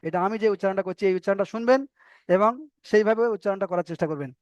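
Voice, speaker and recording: Teaching Quran reading online, a man with an Indian Bengali accent patiently goes over each Arabic letter slowly, drawing the vowels out long. He has a high-pitched, clear voice with a resonant tone, captured in a dry, lo-fi recording.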